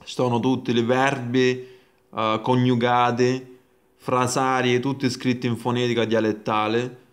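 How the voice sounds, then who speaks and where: Male host with a southern Italian, Puglian accent; unhurried delivery, mid-range voice, salty and amused. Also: medium pitch, little pitch movement. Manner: irreverent, amused, peppered with dialect and swearing. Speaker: host of an online show. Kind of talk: casual reading of dialect nicknames with comments.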